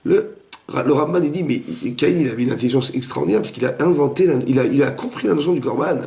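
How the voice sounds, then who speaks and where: Gravelly-voiced rabbi teaching a lively class. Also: male voice, fairly high pitch, quick pace. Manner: animated, questions the students, acts out dialogue. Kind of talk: lively interactive Torah class. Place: echoey room with students. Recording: roomy echoey room recording.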